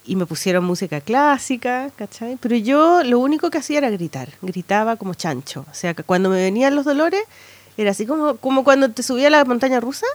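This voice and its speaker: Chilean woman co-host in her thirties, higher pitch, animated storyteller, dry close recording. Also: fast talker, dry recording. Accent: Chilean Spanish. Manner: animated storytelling with lots of slang tags. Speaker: podcast co-host. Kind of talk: casual chat.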